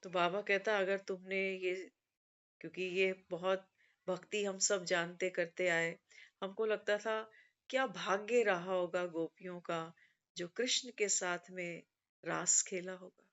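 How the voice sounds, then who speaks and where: This devotional discourse comes from a spiritual speaker whose lowish voice is steady, unhurried and a bit bright. She tells it as a story, regularly quoting teachings and adding conversational asides. The audio is muffled and lo-fi.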